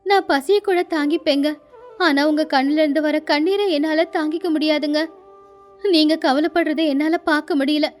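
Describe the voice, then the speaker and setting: A woman voicing a devoted young wife who speaks gently and soothingly in a storybook tale. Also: sits high, fairly even intonation, moderate pace, faint music behind, natural voice. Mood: consoling.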